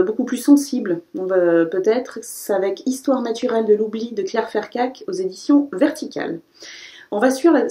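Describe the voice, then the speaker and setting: A woman chatting casually as she reviews a haul of new books, correcting herself often and filling pauses with "euh". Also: on the high side, mellow. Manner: chatty, self-correcting, frequent "euh" fillers. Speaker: book vlogger.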